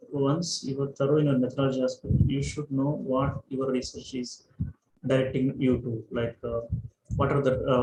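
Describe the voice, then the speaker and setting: A male lecturer talks through an online class, stopping often to search for words and restarting phrases. The sound is roomy and echoing, with steady noise on the line. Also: medium pitch. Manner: hesitant, many fillers and restarts. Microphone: microphone held away at first. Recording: echoey room, noisy line.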